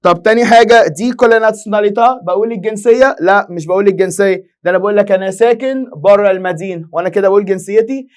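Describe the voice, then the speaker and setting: A man's voice: sits high, racing, hardly any pauses, clean tone. A young Egyptian man with an Egyptian Arabic accent teaching an exam-prep lesson, firing rhetorical questions at students and answering them himself. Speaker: Italian language teacher.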